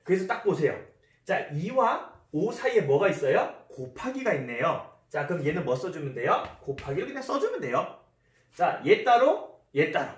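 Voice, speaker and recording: A man's voice: on the high side, sing-song, normal speed. A man teaching a math lesson in a classroom, repeating key terms and asking the class questions. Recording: roomy echo, voice from a distance.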